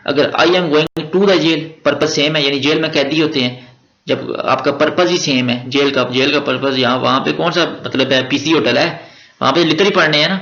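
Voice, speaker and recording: A man's voice: on the high side, steady tone, moderate pace, fairly bright tone. A man with a Pakistani Urdu accent touched with Punjabi, giving a chatty step-by-step exam-prep grammar lecture with joking asides. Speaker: teacher. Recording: roomy, dull lo-fi recording.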